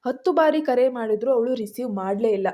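A woman storyteller narrating a story in a steady, even reading. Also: fairly high pitch, brisk.

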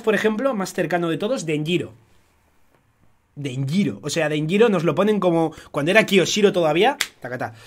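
Young man, Spanish accent, casual live-stream host, excitable, swears a lot, slightly higher voice. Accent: Spain Spanish. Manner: excitable, swears a lot, chatty fan banter. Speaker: streamer analyzing an anime opening.

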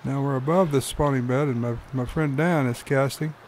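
A man's voice: mid-range voice, fairly even intonation, moderate pace, noisy background. Easygoing man narrating fishing footage. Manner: easygoing, folksy explaining. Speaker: fly-fishing guide and host. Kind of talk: narrating his own fishing video.

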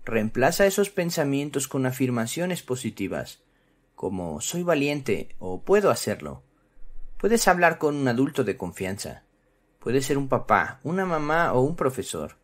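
A man's voice: mid-range voice, sing-song, a little slow. A man presenting scripted narration for children, instructive and speaking to them directly. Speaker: presenter of a children's psychology channel.

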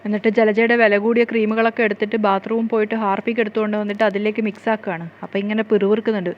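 A woman's voice: mid-range voice, level tone, very fast, muffled recording, slight background noise. A woman narrating a TV serial recap in a chatty storytelling way, sometimes correcting herself.

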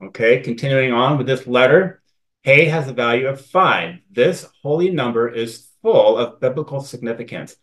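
A man's voice: mid-range voice, moderate pace, low-quality recording. Man teaching a Bible study. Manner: reads scripture aloud, then explains in a relaxed, conversational way. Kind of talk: scripture study presentation.

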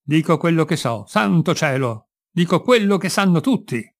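A man voicing a fierce older female servant who shouts accusations in a raised, shrill voice while reading a story aloud. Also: lively intonation, moderate pace. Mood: furious.

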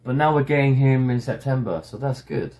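A middle-aged toy shop owner, hoarse from illness, chats casually with his customers, full of fillers and restarts, while a desk camera films him in an indoor stockroom packed with toy boxes. His voice is medium-pitched, a little fast and a little mellow.

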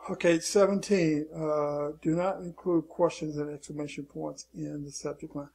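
A man's voice: a little high, steady tone, moderate pace, vocal fry, darkish tone, slightly rough. A man teaching an online marketing lesson in a loose, casual way, often saying "okay" and repeating his warnings. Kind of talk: casual screen-share tutorial.

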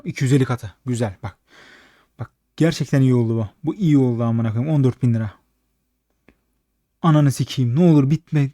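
A man giving casual, frustrated slot commentary, swearing constantly and talking at the machine, slightly hoarse late at night. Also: mid-range voice, dark tone, dry recording, clean studio sound. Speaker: slot streamer.

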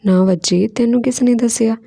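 A woman voicing an affectionate young mother who talks earnestly, with a gravelly, mellow voice. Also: fairly high pitch, normal speed, voice pushed up.

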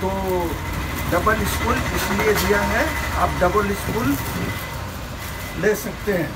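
An older man selling fishing reels from his shop counter, repeating model names in a persuasive sales pitch. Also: slow, very noisy. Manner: repetitive, persuasive salesman patter, urging viewers to buy. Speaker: fishing tackle shop seller. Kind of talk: product showcase sales pitch. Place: small shop packed with shelves, indoors.

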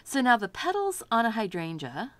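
A woman's voice: fairly high pitch, wildly swooping pitch, moderate pace, fairly bright tone. A middle-aged woman teaching a step-by-step painting lesson, chatty and thinking aloud as she works, delighted by her own results. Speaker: art instructor.

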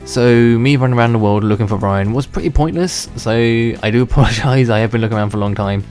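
Quick and medium-pitched with a darkish tone, a young man hosting a gaming channel chats casually as he plays. He keeps restarting his thoughts and laughing to himself, his voice somewhat worn from being sick, with faint music underneath.

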